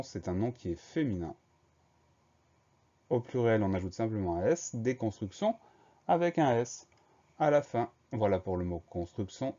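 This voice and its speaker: Patient French teacher spelling words slowly. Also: male voice, on the low side, mellow. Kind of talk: spelling dictation lesson. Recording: dull lo-fi recording.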